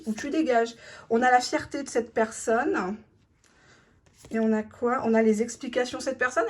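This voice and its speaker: A fairly high-voiced woman talks straight to the viewer as she lays out tarot cards, blunt and teasing. She drops in the partner's thoughts in first person, plain-spoken and unsparing. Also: darkish tone. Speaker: tarot reader. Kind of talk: tarot reading monologue.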